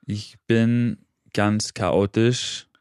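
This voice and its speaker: A man in his thirties from England, with English as his first language, speaking German as a studio guest in an energetic, halting way, stopping to search for words. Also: lowish voice, clear, resonant tone, no room sound. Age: 30s. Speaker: guest, motivational trainer. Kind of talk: interview answers. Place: radio studio.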